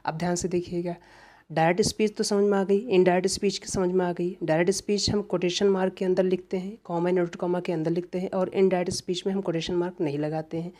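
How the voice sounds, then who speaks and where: Talking fast in a high-pitched, level tone, a man teaches grammar in an online class. He repeats reminders frequently, letting his voice fall softly as each phrase ends.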